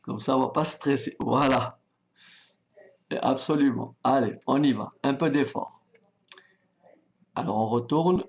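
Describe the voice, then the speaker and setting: A man teaching maths at a slow, unhurried pace, calm and patient. He thinks aloud while writing and keeps checking that his students are following. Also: mid-range voice, creaky. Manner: talks directly to students, checks they follow. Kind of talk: online exam-prep lesson.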